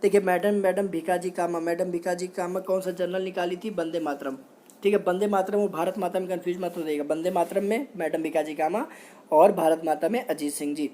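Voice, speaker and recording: Guy teaching history for exams, warm mellow voice, reads notes slow then quizzes the class. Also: high voice, steady tone, slight background noise. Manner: reads English notes slowly, then explains in Hindi; quizzes with repeated questions and "okay". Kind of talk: exam-prep history lecture.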